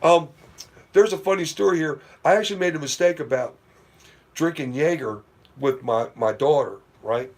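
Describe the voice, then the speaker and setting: A middle-aged man hosting a casual late-night live stream from home, telling rambling, profane stories with lots of "you know.". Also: a little high. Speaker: livestream host. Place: at home near porch, at night.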